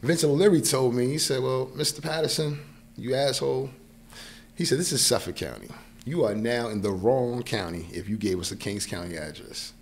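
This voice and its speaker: In a small indoor podcast studio, speaking into a close podcast mic on a boom arm, a man in his forties from New York talks in a mid-range voice at a fairly quick pace. With his New York accent, he casually tells a personal story as a guest on the podcast and often checks in with the listener.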